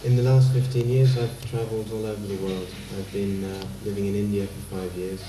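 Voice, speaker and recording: Deep, flat-voiced man. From France, raised in England. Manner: calm, hesitant, many pauses and fillers. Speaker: street performer interviewed. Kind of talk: TV interview. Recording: roomy echo, distant mic.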